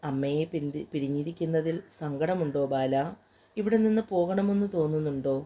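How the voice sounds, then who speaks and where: A woman narrator voicing a young man who speaks softly and comfortingly in an audio story. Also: sits low, normal speed. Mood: gentle concern. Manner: soft, comforting. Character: young man, gentle and caring.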